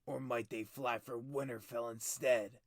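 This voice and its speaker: A man voicing a stern, cold middle-aged king who talks in clipped, forceful commands, higher and louder than his narration. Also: fairly even intonation, a little slow, gravelly, no echo. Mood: cold, commanding.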